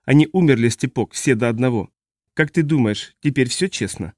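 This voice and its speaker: A man's voice: mid-range voice, lively intonation, moderate pace, dry recording, studio quality, natural voice. A man reading the part of a badly injured man hanging from a cliff, speaking in a weary, strained voice. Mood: exhausted. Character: injured man clinging to a cliff, exhausted and frightened.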